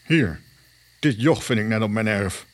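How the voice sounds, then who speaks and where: Name: Gerards. a grumpy old farmer. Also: male voice, lowish voice, expressive, unhurried. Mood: angry. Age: older. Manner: gruff, scolding. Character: grumpy old male farmer, distrustful of youth.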